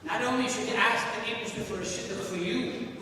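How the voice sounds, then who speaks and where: A man voicing a calm inner voice that gently urges, in an echoey hall heard from far off. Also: high voice, a little fast, noisy background, natural voice. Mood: coaxing.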